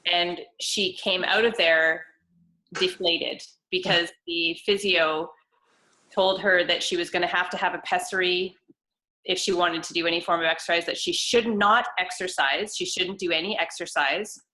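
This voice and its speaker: A woman co-hosts a casual chat over a video call, telling a client story at length and often restarting her sentences. Her voice sits a bit low and sounds bright. The sound has the thin quality of a video call. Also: fairly even intonation, moderate pace, a little hiss or hum, rough recording. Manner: chatty storytelling with many restarts. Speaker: co-host, fitness trainer.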